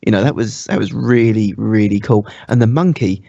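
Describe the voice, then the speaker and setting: A man co-hosting a casual gaming chat show, leading the talk with lively reactions. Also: lowish voice, normal speed, vocal fry, no room sound. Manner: animated, laughing, leading the discussion. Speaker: podcast co-host. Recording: dull lo-fi stream audio.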